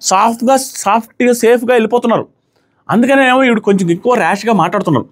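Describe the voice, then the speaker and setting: A man with a high voice talks fast as he gives an opinionated episode review. He drives home his points by repeating them emphatically. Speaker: reality show reviewer.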